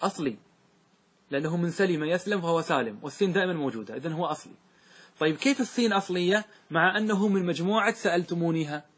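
A man's voice: a little high, expressive, very fast, breathy edge. A man teaching a grammar lesson in a classroom, quizzing his students and having them answer back. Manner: questioning, drills students in call and answer.

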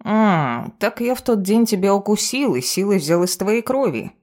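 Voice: mid-range voice, very animated, normal speed, darkish tone, pitched above the performer's own voice. A reader voicing a self-important male talking cat familiar who grumbles and lectures his mistress in an audiobook. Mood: bossy, lecturing. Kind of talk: audiobook character voice.

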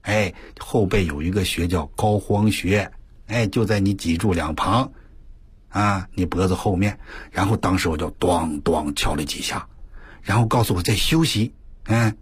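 An older man on the radio telling a story in a folksy, animated way, full of exclamations and drawn-out emphasis. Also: low voice, breathy edge, no echo. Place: radio studio.

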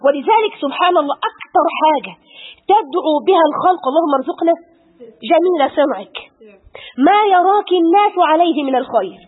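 A woman's voice: extremely high pitch, animated, fast. A middle-aged woman with an Egyptian Arabic accent giving an Islamic lesson, fervent and full of pious exclamations. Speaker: religious teacher. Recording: tinny phone-like audio.

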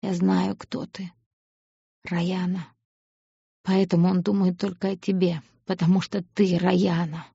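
A woman voicing a bitter, devoted young servant girl with a hushed, hoarse voice, in an audiobook. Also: lowish voice, flat delivery, unhurried, dry recording, muffled recording, exaggerated voice. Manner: sullen, whispering.

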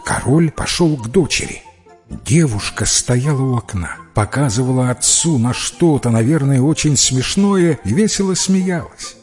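A man narrating a fairy tale in an expressive storytelling manner. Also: mid-range voice. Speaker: reader.

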